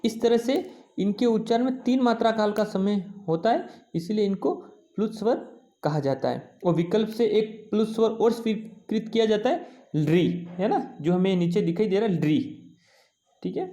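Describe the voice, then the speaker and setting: A man teaching a Sanskrit lesson, explaining slowly and often checking with "है ना" and "ठीक है". He stretches out vowel sounds to show how long each is held. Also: high voice, expressive, warm tone. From India. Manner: slow and explanatory, repeating "है ना" and "ठीक है" to check understanding; draws out vowels to show their length. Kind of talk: classroom lesson.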